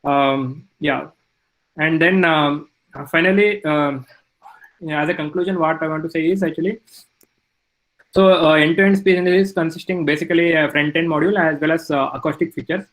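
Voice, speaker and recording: A male lecturer giving a technical talk, halting with many fillers. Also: on the high side, steady tone, fairly bright tone, poor audio.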